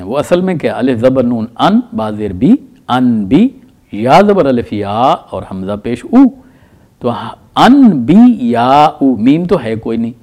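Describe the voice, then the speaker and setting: A man teaches a tajweed lesson, explaining patiently and reciting examples slowly with stress. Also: mid-range voice, warm tone.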